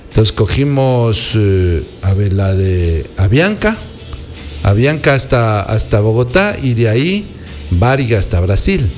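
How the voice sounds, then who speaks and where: A man, a guest who is an architect, telling travel anecdotes in a relaxed, meandering way. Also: mid-range voice. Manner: unhurried, meandering storyteller.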